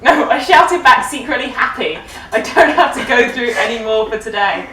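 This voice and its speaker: A tipsy woman with a fairly high, sharp voice and lively intonation reads at normal speed, turning a comedy web show's fan fiction into a giggly, overacted drama. Music plays under the echoey, distantly miked recording.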